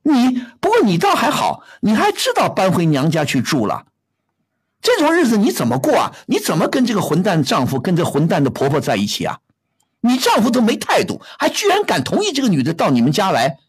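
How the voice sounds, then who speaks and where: A man's voice: high-pitched, wildly swooping pitch, brisk, husky. A middle-aged man hosting a call-in advice show, bluntly scolding a caller with rhetorical questions. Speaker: radio advice host.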